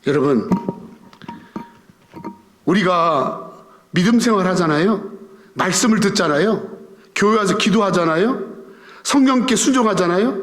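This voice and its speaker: A male pastor giving a Sunday sermon, animated, often firing rhetorical questions at the congregation. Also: sits high. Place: church sanctuary. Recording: reverberant church sanctuary.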